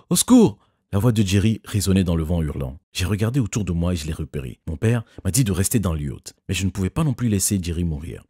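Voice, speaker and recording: A man doing scripted first-person narration of an animated story. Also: deep voice, breathy edge, dry recording, clean studio sound.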